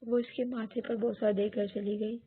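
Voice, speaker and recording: A woman narrating a romance novel as a steady, scripted audiobook reading. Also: fairly high pitch, husky. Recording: tinny phone-like audio.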